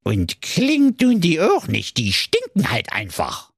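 A man's voice: fairly high pitch, huge pitch swings, measured pace, creaky, slightly rough, dry recording, studio quality, pitched above the performer's own voice, exaggerated voice. A man voicing a grumpy, sly, evil male dwarf in a comic fairy tale, with a grumbling manner.

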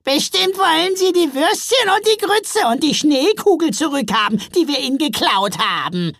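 A woman doing shrill rowdy troll boys. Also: lively intonation, normal speed, no echo, studio quality. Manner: shrill, shouting, cheeky. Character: loud rude young male troll brothers.

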